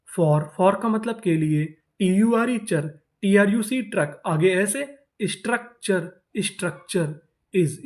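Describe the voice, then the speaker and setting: A man's voice: high voice, darkish tone. A man teaching English reading, spelling words out letter by letter and then repeating them. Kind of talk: spelling-out phonics lesson.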